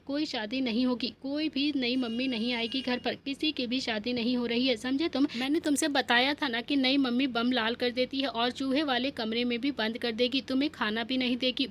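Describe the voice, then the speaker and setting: A woman's voice: high-pitched, fairly even intonation, moderate pace, hardly any pauses, fairly bright tone, slight background noise. Woman voicing an exasperated young father. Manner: protesting, exasperated.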